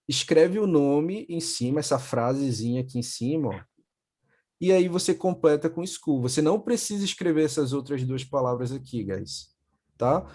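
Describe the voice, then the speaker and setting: Patient Brazilian teacher, mellow voice. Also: male voice, fairly high pitch. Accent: Brazilian Portuguese. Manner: patient, repeats words slowly for pronunciation. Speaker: English teacher. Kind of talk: online class for children.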